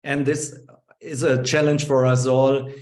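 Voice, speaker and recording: A man hosting an online webinar speaks slowly and haltingly, stopping often on fillers and restarts. His voice comes through a video call with a noticeably echoey room around it. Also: medium pitch, flat delivery, crowd noise. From Germany. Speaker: webinar host. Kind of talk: hesitant opening remarks on a video call.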